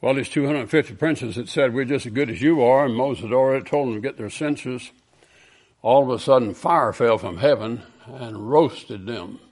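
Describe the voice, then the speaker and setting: A man preaching a sermon, moving from hushed storytelling to loud, impassioned peaks. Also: mid-range voice, normal speed.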